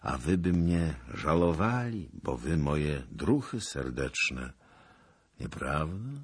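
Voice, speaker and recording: A man voicing a fierce young Cossack leader who speaks slowly and heavily. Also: very deep voice, big pitch swings, breathy edge, exaggerated voice. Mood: brooding.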